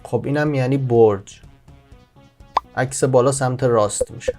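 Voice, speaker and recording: A man hosting a language-learning channel, explaining a screen-recorded word game step by step and slowing down on word meanings. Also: mid-range voice, darkish tone, faint music behind. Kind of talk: screen-recorded tutorial voice-over.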